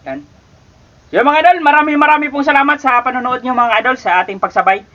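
A man vlogging casually, reading viewer shoutouts with cheery rising calls and stumbling over names. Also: extremely high pitch, fast, muffled recording. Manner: stumbles over names, keeps saying "mga idol".

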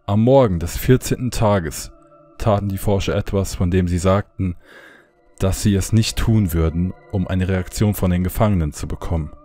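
A man narrating a horror story in a calm, measured way. His voice is low and dark in tone, and soft music runs quietly beneath him.

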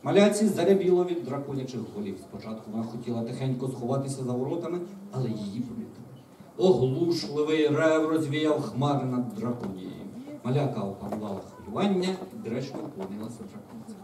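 A children's author reading his book aloud to children in a meeting room, in a lively, expressive storytelling way. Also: mid-range voice, brisk, a little hiss or hum. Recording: echoey room, mic far off.

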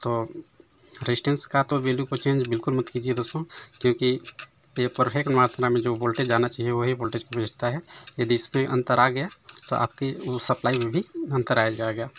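Man, TV repair tutor, chatty and relaxed, phone mic over the bench, faint hiss. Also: mid-range voice, a little fast. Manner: conversational, keeps adding "है ना" and "दोस्तों". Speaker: TV repair instructor. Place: workshop bench, voice behind handheld phone camera.

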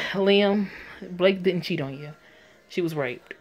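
A guilt-ridden young woman, voiced by a woman, apologizing and pleading for calm. Her voice is on the low side, soft and urging. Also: slow pace, lo-fi sound.

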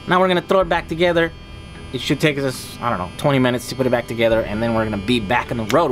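A man's voice: mid-range voice, fairly bright tone. Man explaining car work in his garage. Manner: explains hands-on, thinking aloud. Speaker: vlogger. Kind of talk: casual DIY vlog. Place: home garage.

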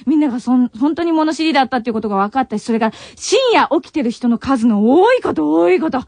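Teary, high-voiced Nagoya radio host. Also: female voice, lively intonation, fast talker, a little mellow, no echo. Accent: Nagoya dialect. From Tokai region of Japan. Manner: emotional farewell, voice choking with tears between laughs. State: voice worn from crying. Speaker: late-night radio host. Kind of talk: radio talk, reading listener letters. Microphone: studio radio mic. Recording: muffled old cassette tape dub.

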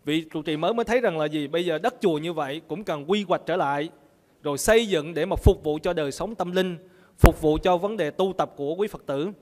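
High-voiced male monk preaching in a hall. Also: fairly quick, darkish tone. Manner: asks the audience questions and answers them himself. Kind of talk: sermon with call-and-response questions.

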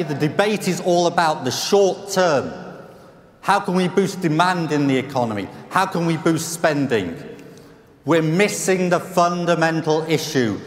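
Emphatic man speaking in a big hall. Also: fairly high pitch. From United Kingdom. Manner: emphatic, rhetorical questions, repeats punchlines. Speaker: chief economist giving a keynote. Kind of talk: conference speech. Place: large conference hall stage. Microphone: headset mic. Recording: roomy hall reverb.

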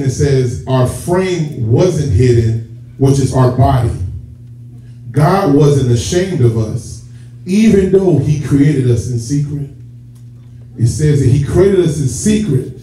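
In a mid-range voice with a dark tone, a man gives a sermon as a church elder, speaking conversationally and directly to the congregation and stretching key words for emphasis. A camera at the back of a sanctuary with a stage and rows of seats picks him up from far off. The result is echoey, muffled and noisy.

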